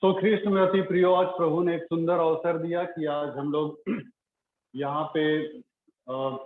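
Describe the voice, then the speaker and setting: A man's voice: fairly high pitch, fairly even intonation, unhurried, slight background noise. A pastor preaching a sermon in a conversational way, repeating his phrases with many fillers. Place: church. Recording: echoey church on a tinny phone-like line.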